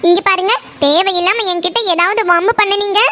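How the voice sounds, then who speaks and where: A woman voicing a sharp-tongued young college woman in a cartoon, speaking with a Kongu Tamil accent from Coimbatore, scolding and brushing off a suitor. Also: very high voice, steady tone, fairly quick. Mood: snapping. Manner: snappish, scolding, dismissive. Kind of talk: cartoon voice acting.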